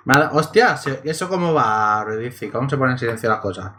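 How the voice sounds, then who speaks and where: A man's voice: mid-range voice, animated, a little fast, bright, forceful tone, a little hiss or hum. A man co-hosting a casual gaming podcast, teasing and swearing. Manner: crude, teasing. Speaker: podcast co-host. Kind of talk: casual banter.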